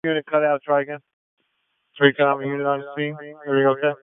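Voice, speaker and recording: A male dispatcher relays terse radio updates in a procedural, matter-of-fact manner. The voice is smooth and dry, squeezed through a very thin radio channel. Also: fairly high pitch, monotone, fast talker, dry recording. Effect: two-way radio. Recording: thin, narrow-band police radio channel.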